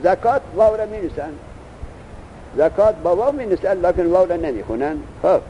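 A man's voice: sits high, expressive, highs cut off, a little hiss or hum. A man teaching a grammar lesson, explaining step by step and asking his students questions.

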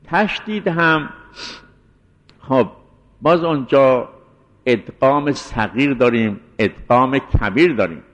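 A man giving a deliberate scholarly lecture as a seminary teacher, explaining and restating his points. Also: medium pitch, lively intonation. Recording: dull lo-fi recording in a reverberant hall.

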